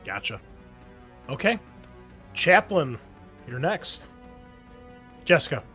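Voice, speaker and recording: This man is a tabletop game master casually explaining the scene to players, with faint music behind him. His voice is fairly high and sing-song, slow, bright and forceful.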